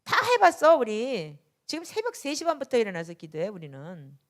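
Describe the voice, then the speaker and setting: A middle-aged woman pastor delivering a sermon with a very lively, swooping pitch. She swings from loud, emphatic bursts down to soft, hushed asides. She acts out the voices of people in her stories. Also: moderate pace. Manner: acts out quoted dialogue in anecdotes.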